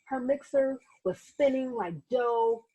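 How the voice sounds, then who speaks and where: A high-sitting female voice takes its time reading a children's picture book as host, full of expressive storytelling and little remarks aimed at young listeners. The recording is low quality.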